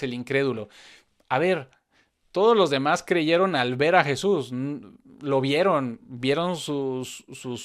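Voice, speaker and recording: A man's voice: mid-range voice, a bit bright. A man reading Bible passages aloud and explaining them in an earnest, conversational way. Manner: reads scripture aloud, then explains it conversationally. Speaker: Bible teacher.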